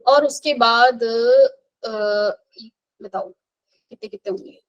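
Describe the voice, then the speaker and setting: Brief: high-pitched woman, brisk classroom chemistry teacher, quizzing and counting aloud. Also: lo-fi sound. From India. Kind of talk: live classroom revision lesson.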